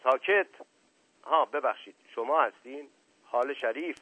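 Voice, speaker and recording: A man's voice: medium pitch, bright, forceful tone, slightly rough, no echo. A man voicing a stern, bossy male police inspector in a story reading, barking orders. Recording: dry, slightly dull audio.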